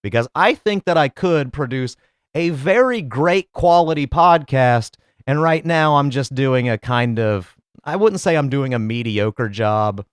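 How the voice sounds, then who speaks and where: A man's voice: mid-range voice, expressive, a little slow, smooth, no echo, studio quality. A man hosting a solo podcast, talking in a sarcastic, profane, rambling way. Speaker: podcast host. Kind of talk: casual solo podcast commentary.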